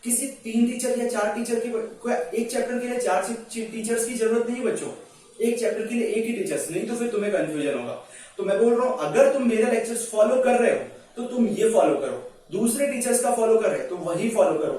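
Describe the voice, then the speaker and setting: High-voiced man lecturing in an echoey room. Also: expressive, a little fast, warm tone. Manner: coaxing, repeats checks like "clear?" to students. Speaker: chemistry teacher. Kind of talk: online lecture. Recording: echoey room, voice far from mic.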